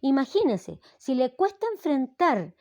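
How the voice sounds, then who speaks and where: Her voice sits high and sing-song with a dark tone, unhurried, in a dry, lo-fi recording. She's a middle-aged Chilean language teacher, Chilean Spanish accent, explaining a recorded lesson and frequently asking "¿ya?" to check in with her students.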